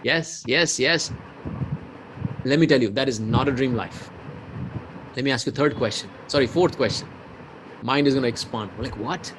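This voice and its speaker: Indian guy hyping up a webinar crowd, kinda high voice, noisy audio. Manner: energetic, rhetorical, reads out chat replies, mixes in Hindi. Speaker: business mentor. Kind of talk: live webinar coaching.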